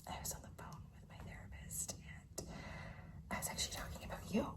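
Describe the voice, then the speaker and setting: A woman's voice: fairly quick, distant mic. A woman whispering confidingly in a whispered role-play as a flirty, doting teacher, repeating herself in hesitant phrases. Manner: whispering confidingly, as if sharing a secret. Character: flirty, doting female teacher with an overnight guest. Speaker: ASMR role-play performer.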